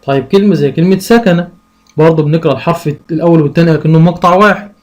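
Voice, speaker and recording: Reading teacher, male, Egyptian accent, slightly high, patient question-and-answer delivery. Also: darkish tone. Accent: Egyptian Arabic. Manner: slow, drawn-out syllable sounding; asks and answers his own questions. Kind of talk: lesson for parents.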